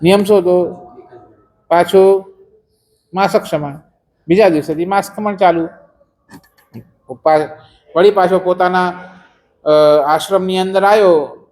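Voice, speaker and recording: A man with a high voice delivers a religious discourse as a story. He keeps the listeners involved by asking them rhetorical questions along the way. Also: fairly even intonation, takes it slowly, pauses often, a little mellow. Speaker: preacher.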